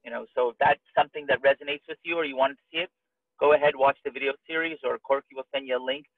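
A man's voice: mid-range voice, steady tone, fast, no echo. Upbeat man on a tinny call. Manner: upbeat, persuasive, asks listeners questions. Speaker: webinar co-host. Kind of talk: casual motivational pitch. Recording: dry, tinny call audio.

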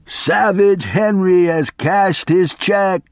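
A man voicing a manic, excitable male attorney who shouts and raves, in an audiobook reading. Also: a little high, a little slow, dry recording, studio quality, pitched above the performer's own voice. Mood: manic shouting. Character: manic adult male attorney, frantic and raving.

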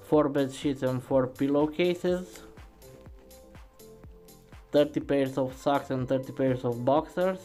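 A man who drives trucks for a living narrates a scripted voice-over, listing item after item in a plain, steady way. His pitch sits in the ordinary middle range for a man. Soft music plays faintly behind him. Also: takes it slowly, pauses often, rough recording.

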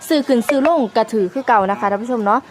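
A woman's voice: fairly high pitch, very fast, darkish tone. A woman with an Isan accent hosting a casual field interview, politely ending her phrases with "na kha". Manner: polite, repeats "na kha" often. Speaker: host of a lottery-dream channel.

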